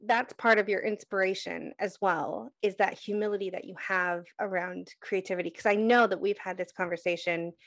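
A woman's voice: medium pitch, fairly even intonation, normal speed, hardly any pauses, a bit bright, no echo. A woman in casual, supportive conversation, responding to the person she is talking with. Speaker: conversation partner.

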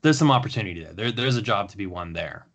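A man hosting a casual podcast chat, relaxed, talking in long runs with fillers. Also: fairly low pitch, quick pace. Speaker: podcast host.

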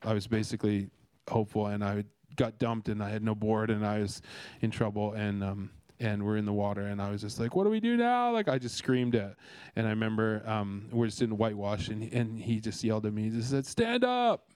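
A man's voice: lowish voice, flat delivery, a little fast, darkish tone, smooth, dry recording. A man from Canada giving a casual devotional talk, earnest and rambling, with many restarts and fillers. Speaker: speaker sharing a devotional.

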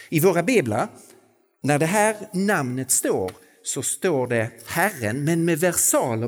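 A man preaching a sermon in a space with a long, lingering reverb. His voice is of middling pitch, and he swings from hushed, reflective passages to slow, emphatic phrases that climb high. The delivery is dramatic and carefully paced.

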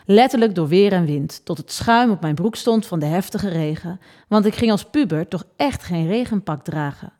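A woman presenting a book and reading from it in a scripted, expressive storytelling manner. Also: lowish voice, normal speed.

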